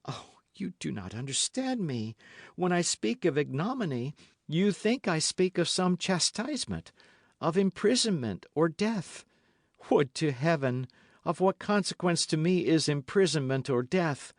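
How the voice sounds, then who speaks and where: Performing a full character voice pitched above his own, a man gives an audiobook's scheming noblewoman a high, sing-song, unhurried delivery. She pleads in breathless sobs, feigning pious, teary meekness, and the studio-quality recording has no room sound.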